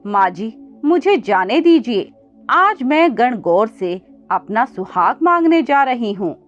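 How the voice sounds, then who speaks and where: A woman's voice: a little high, big pitch swings, takes it slowly. A woman voicing a poor young wife who pleads tearfully for her lost husband, over faint music on a dull recording. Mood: pleading.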